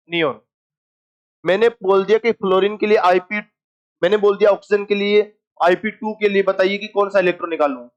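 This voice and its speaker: A man teaches chemistry to a live class, speaking in a high, bright register. He keeps firing questions at the room and answering them himself, teasing shy students into speaking up. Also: clear, resonant tone, muffled recording. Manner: joking and coaxing with students. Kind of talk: classroom lecture.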